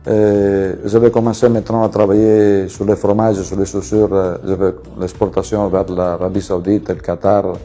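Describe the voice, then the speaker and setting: A man's voice: low-pitched, level tone, moderate pace, few pauses, mellow, soft background music. A businessman from the Venice region with an Italian accent, presenting his companies in French with many fillers and restarts. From Venice region, Italy.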